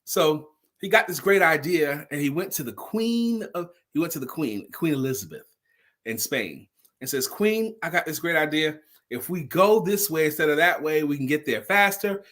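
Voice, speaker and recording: Expressive and on the high side, his fairly bright voice moves at normal speed as this sales speaker and storyteller tells a tale conversationally. He performs the dialogue himself and hammers home key phrases by repeating them emphatically.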